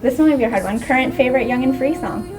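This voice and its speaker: A woman with a bright, high voice runs an upbeat backstage interview. She moves through rapid questions with a bubbly manner, recorded at a concert venue before a show. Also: rough recording.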